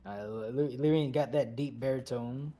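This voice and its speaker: A man leading a game raid, calling out instructions briskly, repeating commands and slipping in joking asides. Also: mid-range voice, warm tone. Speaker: raid leader. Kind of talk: calling instructions over voice chat while gaming.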